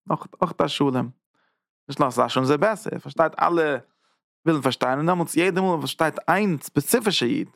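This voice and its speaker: A man teaching a religious class in a lively way, repeating phrases, asking rhetorical questions and jumping up in pitch to stress points. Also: fairly quick, gravelly, dry recording, studio quality. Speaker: Torah teacher giving a class.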